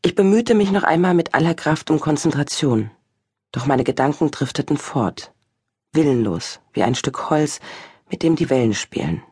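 A woman reads first-person fiction in a measured, reflective way, her voice husky and breathy. The studio sound is dry and close, with no room around it. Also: sits low, animated, dark tone, no echo. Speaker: audiobook narrator. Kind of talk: first-person literary narration.

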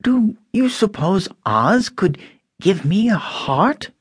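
A man voicing a polite, grateful tin woodman who pleads in a high, slow, drawn-out voice. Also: very animated, breathy edge, dry recording, studio quality, full character voice. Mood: earnest.

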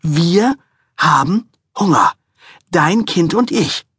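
A man doing a shrill, bossy pregnant woman. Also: lively intonation, slow pace, a bit bright, slightly rough, dry recording, clean studio sound, exaggerated voice. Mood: scolding. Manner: shrill, demanding, bratty. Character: bossy heavily pregnant young woman, cravings.

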